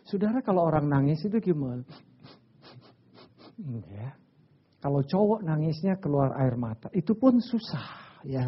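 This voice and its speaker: Animated preaching man, lo-fi sound. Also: high voice, breathy edge. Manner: swings from quiet asides to loud emphatic bursts. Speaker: pastor. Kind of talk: lively sermon with stories and audience banter. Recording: slightly dull lo-fi church recording.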